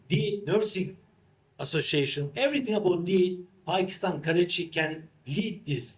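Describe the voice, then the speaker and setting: An institute founder, appearing as an interview guest, speaks unscripted in halting, non-native English made up of short phrases. His voice is high, and the recording is rough.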